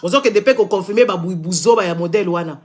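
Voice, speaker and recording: Speaking quickly in a high voice, a Congolese man from the Democratic Republic of the Congo rants angrily during a live stream. He scolds his listeners repeatedly, confronts them head-on, and alternates between Congolese-accented French and Lingala mid-sentence.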